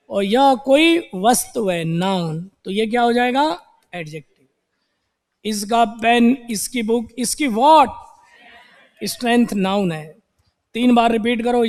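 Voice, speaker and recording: High-voiced man teaching slowly in a hall. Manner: drills words by repetition, asks and answers his own questions. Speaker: English teacher. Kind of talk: classroom grammar lesson.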